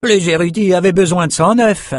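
A man's voice: high-pitched, normal speed, no echo, clean studio sound, voice pushed up, lightly acted. A male reader voicing a sturdy, blunt middle-aged village matron who speaks emphatically. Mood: insistent.

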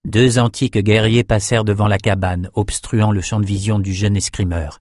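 A man narrating a novel in a steady, measured audiobook reading. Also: fairly low pitch, dry recording, studio quality.

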